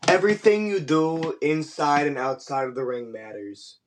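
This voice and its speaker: A man speaking as an interviewed pro wrestler, giving casual, measured and diplomatic answers in a conversational way. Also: fairly high pitch, very animated, a little hiss or hum.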